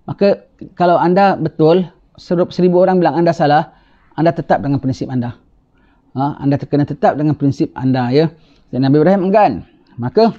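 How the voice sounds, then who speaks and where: Preacher guy telling a story, pretty high voice, keeps going ha? ha?, kinda dull muffled sound. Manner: animated, tags lines with rhetorical "ha?". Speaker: religious teacher. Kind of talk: sermon storytelling.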